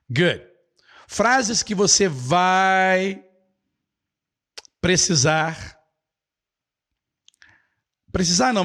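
A man with a Brazilian accent teaching English in a live online lesson, repeating every phrase slowly and switching between English and Portuguese. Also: high voice, a bit bright.

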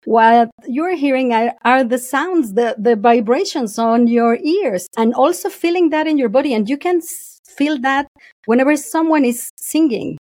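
Recorded dry with clean studio sound, a high-pitched woman talks at a moderate pace as a guest in a casual podcast chat. She laughs a lot, speaks expressively, and mimics the voices she quotes.

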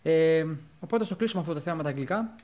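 Young male podcast co-host, slightly high voice, animated and quick. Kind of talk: casual podcast chat.

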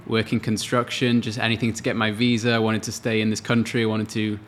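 A man's voice: fairly low pitch, level tone, fairly quick, a little hiss or hum. A man in his late twenties, co-hosting a podcast and telling a story in casual chat. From Wales. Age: late 20s. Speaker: podcast co-host.

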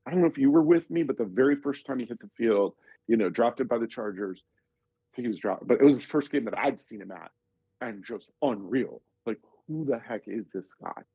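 A man's voice: medium pitch, lively intonation, a little fast, slightly rough, no echo, dull audio. A man co-hosting a podcast in casual chat, talkative and joking. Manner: chatty, joking, does playful impressions. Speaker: podcast co-host.

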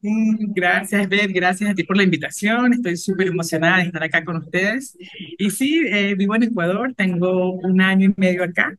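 A woman with a Venezuelan accent giving conversational interview answers as a guest, explaining haltingly and often repeating words. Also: mid-range voice, no room sound. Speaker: podcast guest, entrepreneur.

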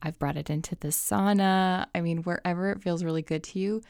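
Upbeat advice-vlogger woman with creaky voice. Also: lowish voice, fairly even intonation, a little fast, darkish tone, no room sound, clean studio sound. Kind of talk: casual personal vlog giving tips.

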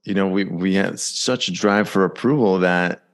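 A man with a low-sitting voice speaks at a moderate pace as a podcast guest in a casual conversational interview. He reflects as he talks, leans on "you know" fillers and laughs often.

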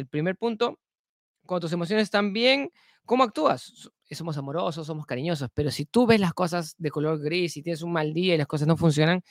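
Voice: mid-range voice, dry recording, clean studio sound. A speaker giving a spoken self-help lesson who keeps repeating key phrases, asks rhetorical questions and leans often on "entonces" to link ideas.

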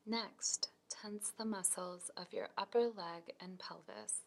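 A woman leads a scripted guided relaxation in a soft, breathy, near-whispered voice, giving slow, calm, soothing instructions. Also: lowish voice.

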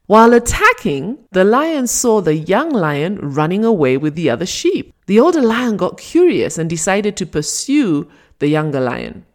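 A woman giving a scripted motivational talk, telling a fable in a deliberate, emphatic way. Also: medium pitch, sing-song. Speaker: motivational speaker.

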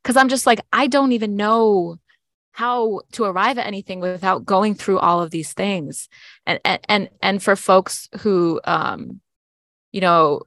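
A woman in her twenties, a podcast guest, talking in a meandering, animated, self-questioning way on a video call. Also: mid-range voice, no room sound. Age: 20s. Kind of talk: reflective podcast conversation.

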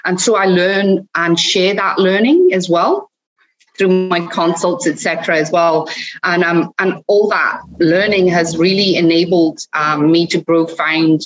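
Middle-aged Welsh woman, blended accent, lowish voice, chatty and self-correcting guest, dull remote recording. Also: unhurried, faint music behind. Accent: Welsh with Scottish and Australian traces. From Wales. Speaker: podcast guest, lawyer. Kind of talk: casual interview talk.

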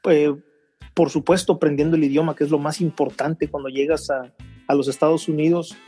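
A middle-aged man from Veracruz, an interview guest telling his story in an unhurried way, with frequent restarts and fillers. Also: on the high side, flat delivery, dark tone, breathy edge, faint music behind. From Mexico (Veracruz). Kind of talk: conversational interview.

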